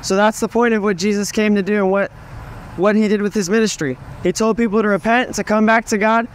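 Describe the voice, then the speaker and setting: A man's voice: high voice, fairly quick, slight background noise. Young man reading scripture on the street. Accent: Southern US. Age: young adult. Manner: steady, reads scripture, then speaks plainly with fillers. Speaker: street preacher. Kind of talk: open-air street preaching and scripture reading. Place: outdoors on a town street.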